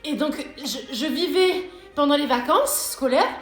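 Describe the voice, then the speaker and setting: A high-voiced woman leads a live home ab workout, unhurried and chatty, joking between her exercise cues. Her voice rings around a roomy space with workout music playing behind. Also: lively intonation. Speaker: fitness coach. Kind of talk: live workout coaching while reading chat.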